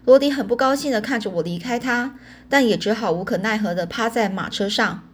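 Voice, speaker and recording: A woman's voice: on the high side, a little fast, slightly rough. Woman storyteller, informal read-aloud, explains as she goes. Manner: chatty, explains words and repeats herself. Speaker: audiobook reader. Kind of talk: storytelling narration.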